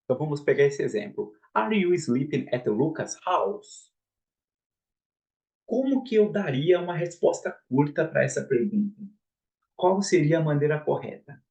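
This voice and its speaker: A man with a Brazilian Portuguese accent teaching an English grammar lesson, reading example sentences slowly and deliberately. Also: a little high, expressive, gravelly, a little mellow, far from the mic.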